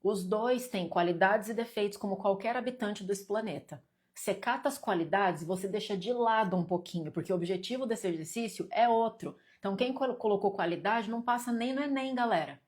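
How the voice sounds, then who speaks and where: A woman with a Brazilian accent leads a live stream exercise and reads viewers' comments aloud. She talks to them directly and with a teasing edge, repeating points and pushing them to answer. Her voice sits at a middle pitch. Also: a little fast, a little mellow.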